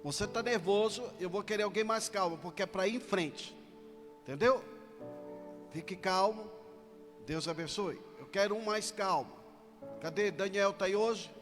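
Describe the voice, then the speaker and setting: A man with a high voice preaches to his congregation, commanding and direct. His words ring out in a long church reverb. Music plays underneath. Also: fairly bright tone. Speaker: pastor. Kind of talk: sermon. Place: church hall.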